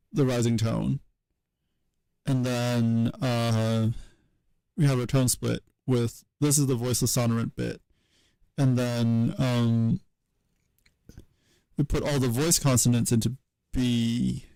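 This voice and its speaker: A man streaming as he works through a linguistics problem, thinking aloud in a hesitant, wry way with many pauses. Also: medium pitch, mellow, clear, resonant tone, no room sound. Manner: hesitant self-talk with many pauses and fillers.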